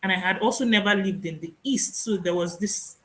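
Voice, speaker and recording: Hosting a conversational podcast interview, this Nigerian woman, whose first language is Igbo, speaks reflectively and laughs often. Her voice is medium-pitched, brisk and slightly bright.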